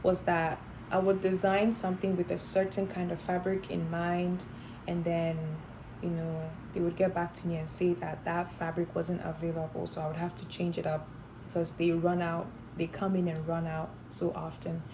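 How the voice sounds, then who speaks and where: Young woman from Ghana, low-pitched. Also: completely flat delivery, normal speed, noisy background. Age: young adult. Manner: thoughtful, with fillers and restarts. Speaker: fashion design student. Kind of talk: interview answers to camera.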